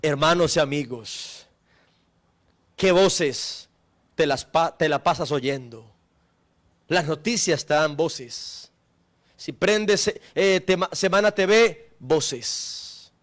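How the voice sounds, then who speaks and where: Man, middle-aged pastor, high voice, emphatic repetitive sermon delivery. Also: slow pace, pauses often. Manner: emphatic preaching, repetitive cadence.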